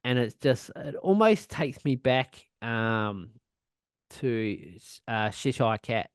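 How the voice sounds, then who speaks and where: A man's voice: mid-range voice, expressive, slow, clear, resonant tone, no echo, clean studio sound. A man co-hosting a punk podcast in casual chat, rambling, swearing a lot and laughing often. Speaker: podcast co-host.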